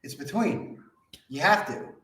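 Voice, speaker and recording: A man's voice: a little high, expressive, a little slow, a bit bright. A man co-hosting a podcast, chatting casually, joking and swearing as he riffs. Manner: joking, profane, riffing. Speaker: podcast co-host. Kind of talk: casual chat.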